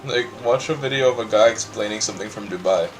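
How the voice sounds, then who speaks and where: A man's voice: fairly low pitch, fast talker, heavy background noise. A young man in a casual voice chat, bossily directing friends through a story reading and feeding them lines in a joking way. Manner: bossy, joking, prompts others with lines. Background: background music.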